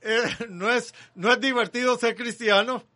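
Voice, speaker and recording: A man interpreting a sermon live, talking in an animated way with frequent restarts. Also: extremely high pitch, normal speed.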